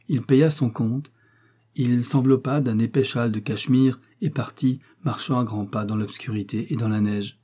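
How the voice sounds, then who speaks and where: A man narrating a classic novel as an audiobook, in a measured, steady storytelling manner. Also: medium pitch, breathy edge.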